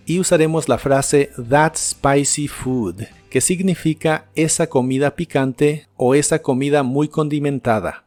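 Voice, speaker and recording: Slow, careful male English teacher. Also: mid-range voice, a little mellow, dry recording. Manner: slow, careful drills, repeats English words twice. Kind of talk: scripted lesson narration.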